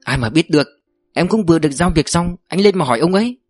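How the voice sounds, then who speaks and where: A man's voice: a little high, lively intonation, fast, breathy edge, dry recording, clean studio sound, soft background music. A man reading an audiobook voices a young security guard who speaks politely and eagerly.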